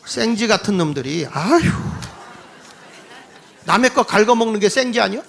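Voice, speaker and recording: A man in his sixties giving a history lecture to an audience, animated and mocking, with quips and laughing asides. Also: high-pitched, normal speed, creaky, slight background noise.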